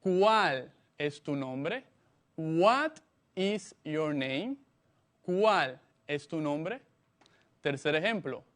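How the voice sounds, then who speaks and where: Slow, deliberate male English teacher. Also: fairly high pitch, animated, fairly bright tone. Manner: slow, deliberate, spells words letter by letter. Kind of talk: slow classroom lesson for children.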